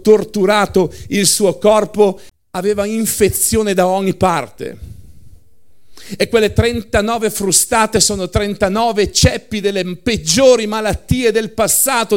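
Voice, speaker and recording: A man preaching a sermon with passion, piling up short phrases one after another. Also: high-pitched.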